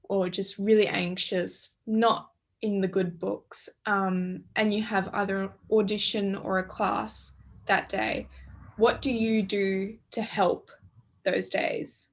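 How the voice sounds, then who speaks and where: A woman interviewer asking a question in a slow, even manner. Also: mid-range voice.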